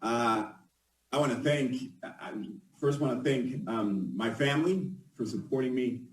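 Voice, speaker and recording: A man giving an informal inaugural speech as a new mayor, halting and pausing often. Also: mid-range voice. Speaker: newly elected mayor. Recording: echoey room, distant from mic.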